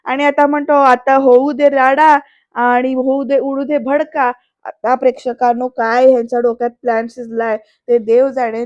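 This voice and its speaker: Chatty woman recapping a serial in voice-over, high voice, dry close sound. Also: darkish tone, no room sound, muffled recording. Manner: chatty, addresses viewers directly. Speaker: serial episode reviewer.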